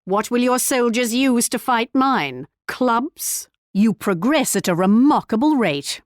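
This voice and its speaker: A woman's voice: mid-range voice, dry recording, studio quality. A woman playing a haughty, sly English queen in a video game, with a regal, arch and mock-polite manner. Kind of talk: video game character voice lines.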